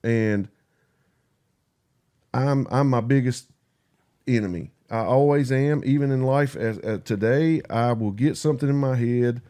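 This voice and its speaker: A man speaks in a country drawl at a middling pitch. His talk is casual and confessional, with halting repeats, self-deprecating remarks and loose swearing, like a guest on a relaxed podcast. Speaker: podcast guest and YouTube creator. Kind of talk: casual, candid conversation.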